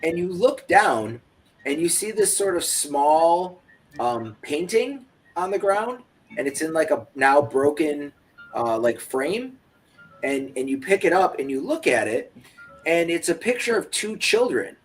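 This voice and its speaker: Halting, casual game master man. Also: a little high, very animated. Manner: casual, halting, many fillers. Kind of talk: narrating a tabletop game. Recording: faint background music.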